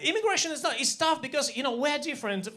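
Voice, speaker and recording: A high-voiced man in his forties with a Russian accent works a comedy club stage through a handheld mic. His deadpan delivery stumbles through fillers and restarts between punchlines, and English is not his first language. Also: fast, a crowd in the background. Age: 40s. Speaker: stand-up comedian. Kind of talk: stand-up comedy set.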